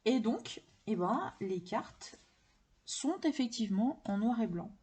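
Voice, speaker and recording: Chatty woman, warm husky voice. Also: fairly high pitch, animated, slow pace. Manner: chatty and enthusiastic, with many fillers and restarts. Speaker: tarot and oracle deck collector showing her decks. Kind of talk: casual chat to camera.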